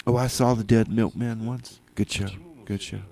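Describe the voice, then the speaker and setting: In a radio studio, a man hosts a music show with casual, hesitant, tongue-in-cheek patter, often repeating phrases for effect. His lowish voice is a little mellow, with fairly even intonation and a moderate pace.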